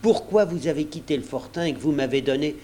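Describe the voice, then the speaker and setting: A man's voice: a little high, fast talker, warm tone, slight background noise, pitched above the performer's own voice, lightly acted. A man voicing a wily, blunt old ship's cook who talks in folksy slang. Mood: pleading, indignant.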